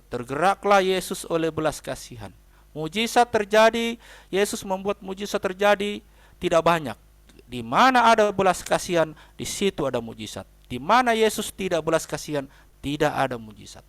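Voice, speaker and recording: With a fairly high, slightly bright, expressive voice at a moderate pace, this pastor tells a personal story during his sermon. He preaches emphatically, often addressing those listening as brothers and sisters.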